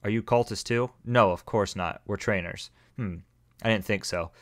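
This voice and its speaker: A man's voice: on the low side, normal speed, a bit bright, no echo, clean studio sound, lightly acted. A man reading a bossy young gym leader. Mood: impatient. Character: brisk impatient young woman gym leader.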